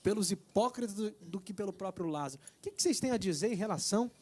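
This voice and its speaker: Husky high-voiced male TV host. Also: lively intonation, fast talker, a little mellow. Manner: chatty, promotional, jokes lightly. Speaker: TV show host. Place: TV studio.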